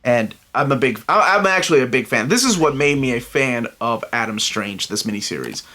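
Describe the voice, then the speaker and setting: Fairly quick and animated, a middle-aged man from Peru hosts a casual solo review vlog for his comic book collector channel. His medium-pitched voice has a sharp tone, and he's enthusiastic and chatty, rambling into asides loaded with fillers.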